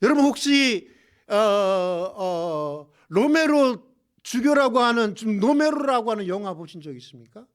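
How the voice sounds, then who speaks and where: High, lively-voiced man preaching. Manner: impassioned, swings between loud exclamations and hushed low passages; addresses the congregation with rhetorical questions. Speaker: pastor. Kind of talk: sermon. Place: church.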